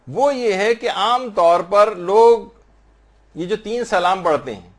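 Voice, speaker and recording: Man slowly teaching prayer pronunciation. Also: high voice. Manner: patient, explanatory, slowly demonstrates Arabic pronunciation. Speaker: religious teacher. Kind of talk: religious instruction on prayer recitation.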